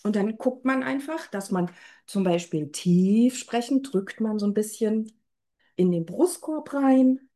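A woman's voice: medium pitch, unhurried, mellow. A woman who edits audiobooks, explaining her craft thoughtfully in an interview. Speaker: audiobook editor.

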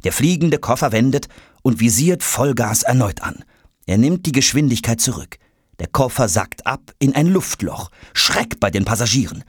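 A man narrating a children's audiobook in an expressive, dramatic way. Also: medium pitch, normal speed, breathy edge, no echo. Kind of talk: scripted storybook narration.

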